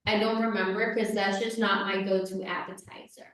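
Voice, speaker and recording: Woman from Puerto Rico, relaxed podcast chat, slips into Spanish, very echoey, distant from mic. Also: mid-range voice, moderate pace. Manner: relaxed, switches into Spanish phrases. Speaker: podcast co-host. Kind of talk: casual chat.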